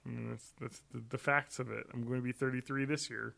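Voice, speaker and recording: Gravelly man in his thirties, joking. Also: mid-range voice, fairly even intonation, fairly quick, sharp tone. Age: 30s. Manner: agreeable, joking, frequent backchannels and laughs. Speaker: podcast co-host. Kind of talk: casual chat.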